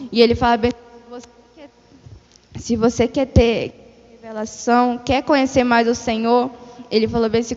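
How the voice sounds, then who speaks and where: A woman in church giving a testimony of a vision, retelling the dialogue step by step. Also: on the high side. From Brazil. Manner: storytelling, retelling dialogue with repeated "he said like this". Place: church hall. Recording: dull lo-fi sound in a reverberant church hall.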